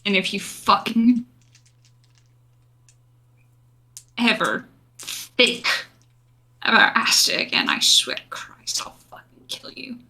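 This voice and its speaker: A woman's voice: mid-range voice, moderate pace, bright, forceful tone, low-quality recording. A woman playing an angry, vengeful male adventurer in a tabletop game, coldly sarcastic and threatening. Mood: seething. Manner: menacing, sweary, sarcastic.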